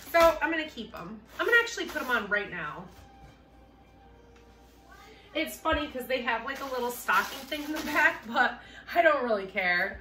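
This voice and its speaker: A woman with a high, pushed, bright voice chats casually and cheerfully while unboxing resale items, thinking out loud as a reseller vlogger. The recording is noisy, with the mic at a distance in an echoey room.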